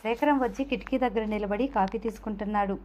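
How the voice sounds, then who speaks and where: A woman narrating an audio novel in a steady, even reading voice. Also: mid-range voice, fast talker, a little hiss or hum.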